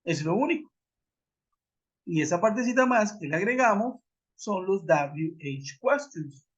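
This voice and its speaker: Man, English teacher, online lesson, slow and patient, dull muffled web-call audio. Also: sits high, expressive. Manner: patient, repeats example sentences slowly.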